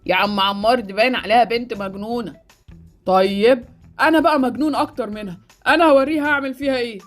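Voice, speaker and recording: Woman as a fast-talking, exasperated Egyptian man behind the wheel, pitched high. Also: faint music behind, natural voice. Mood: scheming. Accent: Egyptian Arabic. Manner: scolding, exasperated. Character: impatient grown man driver. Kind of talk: Roblox series voice acting.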